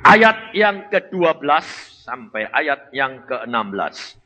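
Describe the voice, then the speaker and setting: An older male pastor preaches slowly in a mid-range voice, telling stories animatedly and acting out the voices of the people in them. The recording has dull lo-fi sound in a reverberant hall.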